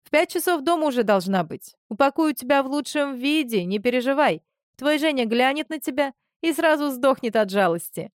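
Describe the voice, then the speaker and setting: A brisk, confident young woman friend, as a woman reader puts her on. She speaks high and lively and sounds breezy and reassuring in a storybook reading. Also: dry recording, clean studio sound.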